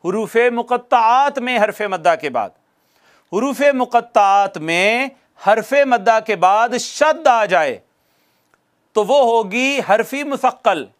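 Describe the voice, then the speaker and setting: A male recitation teacher giving a classroom lesson, repeating definitions slowly for dictation and asking questions he then answers himself. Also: high-pitched, expressive.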